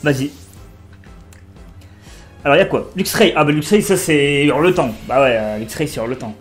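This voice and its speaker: A man in his twenties giving casual, excitable commentary while playing a video game and talking to his viewers. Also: fairly high pitch, moderate pace, soft background music. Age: 20s. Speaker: let's play streamer.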